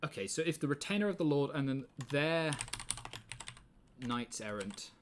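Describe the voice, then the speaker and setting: A man's voice: medium pitch, lively intonation, moderate pace, slight background noise. Rambling sweary English man in his twenties. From England. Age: 20s. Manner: rambling, swears freely, laughs often. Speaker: live stream host. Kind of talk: casual live-stream chat.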